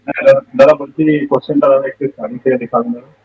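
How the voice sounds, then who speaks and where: A young man speaks very quickly as he puts a question to his teacher in an online class. He politely says "dada" again and again. His voice comes through a poor connection as dull, choppy, muffled call audio. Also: medium pitch, steady tone. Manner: asks politely, repeating "dada" often. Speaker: student asking the teacher.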